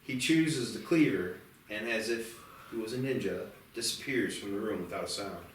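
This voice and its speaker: At a table read, a man with a lowish voice narrates the screenplay's stage directions at normal speed. The mic is distant, the room echoey, and there's faint noise.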